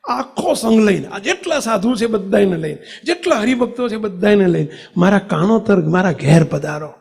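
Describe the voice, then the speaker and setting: A man's voice: high-pitched, animated, normal speed, vocal fry, darkish tone, breathy edge, heavily acted. A male preacher voicing a devoted herdsman of about forty who earnestly begs his guru to visit his village. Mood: pleading. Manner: earnest, pleading, repeats "Bapa". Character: devoted cattle-herder man around forty, humble and pleading.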